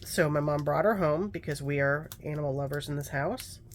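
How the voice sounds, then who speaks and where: A woman's voice: low-pitched, fairly quick, slight background noise. A woman chatting casually while working on a craft journal, telling stories and muttering to herself over her work. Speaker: craft vlogger.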